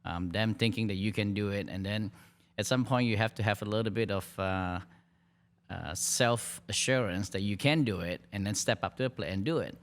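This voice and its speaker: A middle-aged Malaysian man with a lowish voice, a dean in hospitality, speaks in a podcast interview. His delivery is relaxed but halting, with fillers and restarts.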